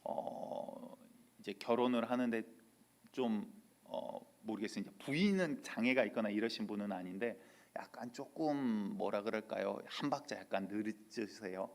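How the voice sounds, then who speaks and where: A male pastor delivering a sermon in church, telling lively stories and acting out quotes. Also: on the low side, normal speed. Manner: lively storytelling with acted-out quotes.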